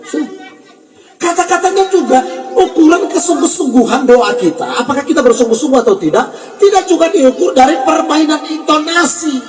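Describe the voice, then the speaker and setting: A male pastor preaching a sermon, animated and joking, often slipping into mock prayers. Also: very high-pitched. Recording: echoey hall from far off.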